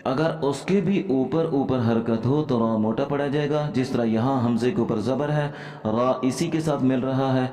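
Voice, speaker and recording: A man teaching Quran reading, patiently spelling out each letter and vowel and slowing down for recitation. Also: mid-range voice, mellow. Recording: echoey room with long reverb.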